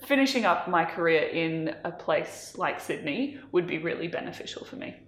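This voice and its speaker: A woman's voice: fairly low pitch, expressive, moderate pace, a bit bright, roomy sound. A woman in her twenties, born in Malawi, chatting as an interview guest in a casual, self-deprecating way. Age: 20s.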